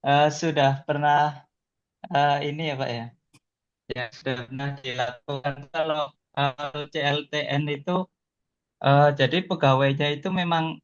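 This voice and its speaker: A man joins an online class and answers a question, halting and filling gaps with hesitation sounds at a very slow pace. His voice comes through a dull, lo-fi call line that keeps breaking up as the connection drops. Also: on the high side, fairly even intonation. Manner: hesitant, many filler sounds. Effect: audio breaking up over a bad connection.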